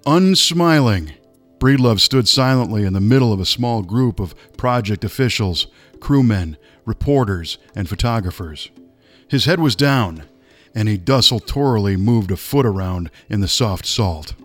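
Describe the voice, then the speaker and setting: A man reading a nonfiction story aloud in a measured, dramatic way. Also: fairly low pitch, expressive, soft background music. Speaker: narrator. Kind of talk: scripted nonfiction narration.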